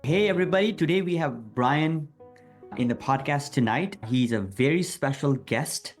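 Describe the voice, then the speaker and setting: A man's voice: on the high side, lively intonation, moderate pace, faint music behind. A man hosting a podcast, introducing his guest eagerly with some stumbles. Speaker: podcast host. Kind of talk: podcast interview.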